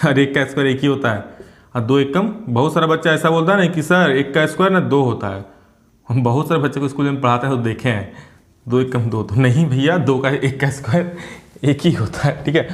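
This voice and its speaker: Male math tutor, fairly high voice, chatty, self-questioning; echoey room at home. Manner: chatty, asks and answers his own questions. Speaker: teacher. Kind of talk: explaining a math exam problem.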